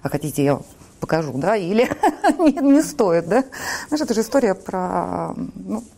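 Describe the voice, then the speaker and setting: A woman in her forties from Saint Petersburg, chatting bluntly and quickly as a guest in a TV studio interview, swearing freely. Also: fairly low pitch, very animated, vocal fry, dark tone. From Saint Petersburg, Russia. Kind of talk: casual TV interview chat.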